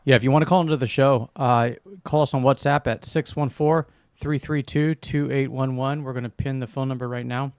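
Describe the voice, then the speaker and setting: A man from the United States, co-hosting a casual podcast with a relaxed manner. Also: mid-range voice, brisk, hardly any pauses, clear, resonant tone, dry recording, clean studio sound. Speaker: podcast co-host. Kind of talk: casual chat.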